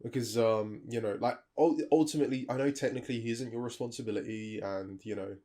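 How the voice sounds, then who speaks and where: A man's voice: medium pitch, fast. A man co-hosting an advice podcast, talking animatedly, swearing and acting out what people say. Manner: animated, swears, acts out quoted voices. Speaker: podcast co-host. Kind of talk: casual advice chat.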